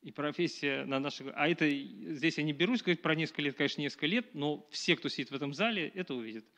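A middle-aged man gives a public lecture to a live audience in a small dark room, his pitch on the high side and his pace quick. He speaks conversationally with many fillers and restarts, picked up by a camera at a distance.

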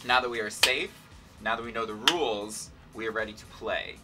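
A young adult man hosts a casual science game in a small indoor laboratory, with music playing under his voice. Fairly low and fairly even in intonation, he talks a little fast with playful, campy enthusiasm.

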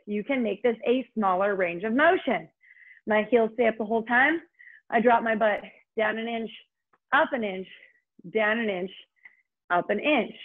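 A woman leading an online workout as an aerobics instructor, giving short, encouraging cues and countdowns in an upbeat way. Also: mid-range voice. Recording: muffled, band-limited online stream audio.

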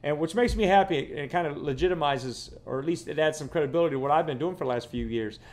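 Speaking a little high and at a quick clip, a fishing guide from Florida in his fifties chats loosely on his vlog. He's seated in his living room close to the camera, wandering off topic and frequently repeating himself.

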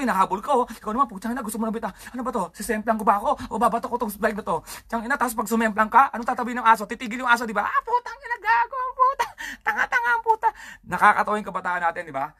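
A man's voice: very high voice, racing, bright, forceful tone, no room sound. A man hosting his own comedy show, telling rambling, crude, swear-filled stories about childhood in a casual stand-up style. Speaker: comedian host.

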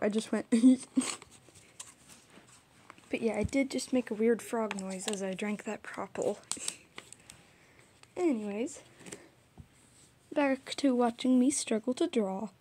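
A young woman with a slightly high, somewhat mellow voice narrates her art video in a casual, rambling, self-deprecating way. She's an art vlogger recording on a small audio recorder, drifting off mic now and then, with slight background noise.

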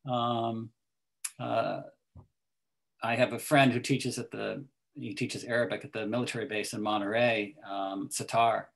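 A man in his sixties, a poet and teacher, talking in a thoughtful, measured way with frequent restarts on a video call from a small room at home. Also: lowish voice, flat delivery, gravelly. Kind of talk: video call discussion and poetry reading. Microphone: video call webcam.

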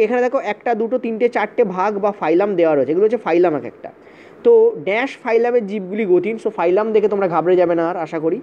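A teacher giving an exam-prep lecture, repeating points and checking in with "okay" often, spelling terms out letter by letter. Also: mid-range voice. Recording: dull, slightly lo-fi audio with faint hiss.

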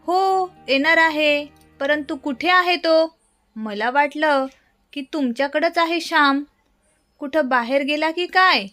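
Woman voicing a stern village mother, firm scolding, slow, faint music behind. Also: high-pitched, pushed and bright, pitched above the performer's own voice, exaggerated voice.

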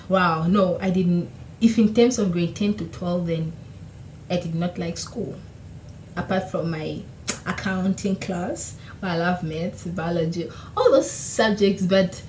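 A young YouTuber from Namibia, whose first language is Oshiwambo, takes her time speaking in a lowish, slightly mellow voice. Seated in front of the camera in a small room at home, she casually answers vlog questions, laughing and correcting herself, in an echoey space with faint hiss.

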